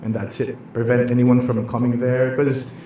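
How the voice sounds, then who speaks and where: A man's voice: mid-range voice, flat delivery, normal speed, dark tone, heavy reverb, slight background noise, rough recording. A man from the Philippines, a chef, chatting casually in an interview and telling stories with frequent laughs. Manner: chatty, laughs often, storytelling.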